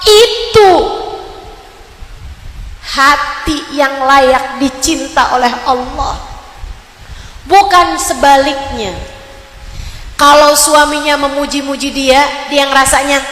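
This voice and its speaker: A high, bright-voiced woman preaching a sermon at an unhurried pace. She speaks in a sing-song style, repeating her refrains. The sound carries a long echo like a large hall. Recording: echoey hall with long reverb.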